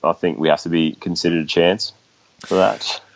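A man's voice: low-pitched, fairly even intonation, moderate pace, creaky. An Australian man talking casually as a guest in a sports discussion, on slightly dull, lo-fi audio.

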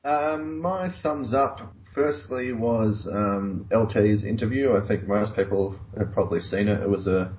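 A man with a low voice talks casually about sport as a panellist. He sounds a bit distant from the mic. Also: measured pace, hardly any pauses, dull audio, a little hiss or hum. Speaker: podcast panellist.

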